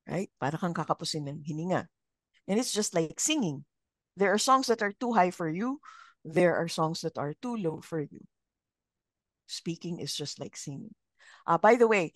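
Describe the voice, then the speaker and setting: A middle-aged woman with a Filipino accent leading a communication training session, speaking in a measured, modulated trainer voice and putting questions to her learners. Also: fairly low pitch, dry recording. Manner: interactive, asks learners questions. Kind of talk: live training session, mixing English and Filipino.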